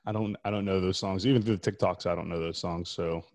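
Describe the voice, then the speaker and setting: A man's voice: deep voice, fairly even intonation, fast talker, a little mellow. An American man co-hosting a podcast in casual, chatty banter. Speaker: podcast co-host.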